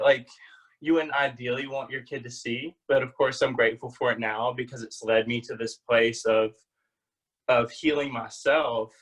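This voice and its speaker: A man's voice: mid-range voice, a bit bright, low-quality recording. A young man speaking earnestly and casually on a video call, with lots of "like". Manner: earnest, laid-back, says "like" a lot. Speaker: community member. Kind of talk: casual Zoom talk.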